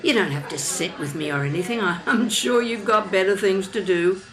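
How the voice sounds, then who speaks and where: A woman's voice: medium pitch, fairly quick, a crowd in the background, poor audio. An older woman playing a chatty, inquisitive café customer in an audio drama, asking questions in a friendly way. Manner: chatty, warm-hearted, inquisitive. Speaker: narrator and lead character.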